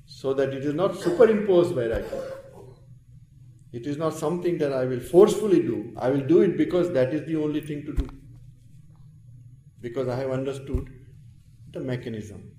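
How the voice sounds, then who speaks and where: A man's voice: medium pitch, animated, moderate pace, pauses often, warm tone. A man with an Indian accent giving a spiritual lecture as a teacher of scripture, explaining with emphatic phrasing. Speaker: Vedanta teacher. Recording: roomy echo with faint background noise.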